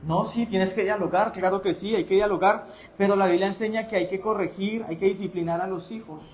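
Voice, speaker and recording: High-voiced male pastor preaching in an echoey church. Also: brisk. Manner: lively, acts out congregants' voices in quotes. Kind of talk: sermon.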